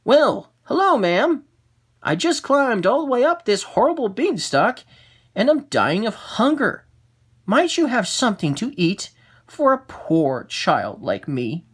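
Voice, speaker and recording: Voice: medium pitch, big pitch swings, a little slow, slightly rough, pitched above the performer's own voice. A storyteller voicing Jack, a cheeky young boy who begs politely for food, in a raised, lighter voice. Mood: wheedling.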